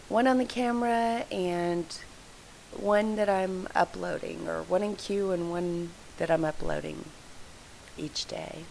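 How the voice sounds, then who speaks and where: A woman with a lowish, darkish, froggy and gravelly voice, congested from allergies, speaks in a rough recording with slight background noise. Hosting a scrapbooking video from her home craft room, she rambles apologetically while narrating her process.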